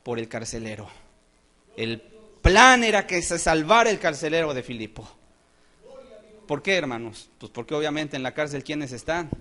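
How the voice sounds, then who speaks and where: A man with a high, light voice preaches a sermon in a church. His delivery is impassioned, swelling into loud exclamations and falling back into quiet asides. He keeps turning to the congregation for agreement. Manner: addresses the congregation as "hermanos", asking "¿cierto o no?".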